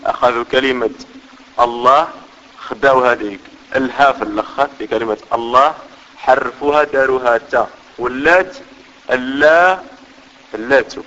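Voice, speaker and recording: Male religious teacher, patient explainer; mid pitch, reverberant hall, dull audio. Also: pushed and bright. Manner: explanatory, often checks understanding. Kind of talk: religious lesson. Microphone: microphone.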